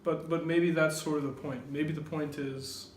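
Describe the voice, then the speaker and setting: Supportive man from Oklahoma, fairly high voice. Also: steady tone, normal speed, echoey room, slight background noise. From Oklahoma, USA. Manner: affectionate, supportive, finishes his wife's points. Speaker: vlogger, co-host of a couple's channel. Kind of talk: casual chat.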